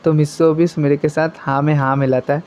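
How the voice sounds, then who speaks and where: A man's voice: a little high, little pitch movement, a little fast, a little mellow, clear, resonant tone. A young man casually narrating a fan-made story, rambling with restarts. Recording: muffled lo-fi recording.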